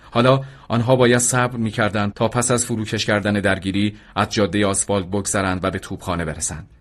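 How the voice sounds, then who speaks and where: A man narrates a story in a measured, solemn way, with a fairly low voice. The reading is scripted and steady throughout.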